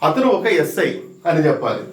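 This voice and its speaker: A man teaching an exam-prep English grammar lesson, slow and emphatic, repeating key words and sounding out letters. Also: on the high side, huge pitch swings, a little hiss or hum. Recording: roomy echo, mic at a distance.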